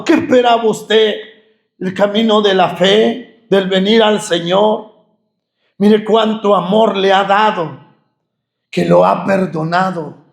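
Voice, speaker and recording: A male pastor preaching a sermon with fervor, often raising his voice to a shout and repeating phrases for emphasis. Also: high-pitched, gravelly, echoey room. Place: church.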